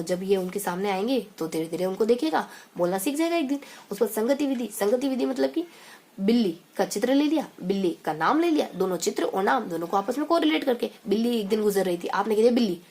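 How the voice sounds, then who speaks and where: A woman teaching an exam-prep lesson in a chatty way, repeating phrases and throwing in quick asides. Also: medium pitch, a little mellow.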